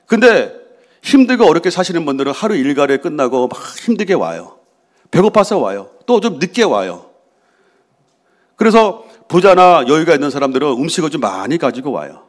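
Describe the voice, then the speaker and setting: A middle-aged pastor preaching a Sunday sermon in a church. His voice sits a little high for a man and swings widely in pitch as he talks. He asks the congregation questions and answers them himself, and sometimes acts out voices. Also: sing-song, a little fast. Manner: acts out voices of quarreling people. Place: church sanctuary.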